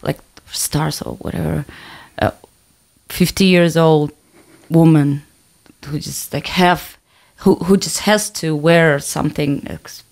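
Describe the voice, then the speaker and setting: Guest: young Ukrainian woman, lowish voice, slow and halting, searching for words. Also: steady tone, creaky, a little mellow. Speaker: band singer, interview guest. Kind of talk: casual interview chat.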